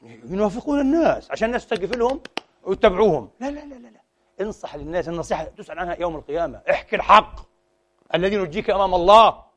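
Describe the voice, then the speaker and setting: A man preaching a sermon, switching between formal in a lively, animated manner. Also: high-pitched, racing. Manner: animated, mixes formal Arabic with colloquial dialect, acts out quoted voices.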